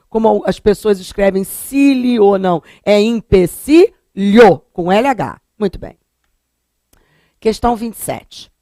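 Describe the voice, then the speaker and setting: A woman's voice: mid-range voice, no echo, clean studio sound. A woman from Rio de Janeiro with a carioca accent, teaching a Portuguese exam-prep lesson and talking straight to her students, stretching words out to show how they sound. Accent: Carioca Brazilian Portuguese. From Rio de Janeiro, Brazil. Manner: lively, talks straight to students, drawls words out to show pronunciation.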